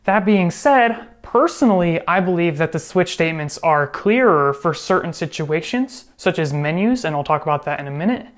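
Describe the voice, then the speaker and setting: A man's voice: on the high side, lively intonation, moderate pace, hardly any pauses. A man teaching programming in a casual screen-recorded tutorial, chatty and joking, often correcting himself as he goes. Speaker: programming instructor.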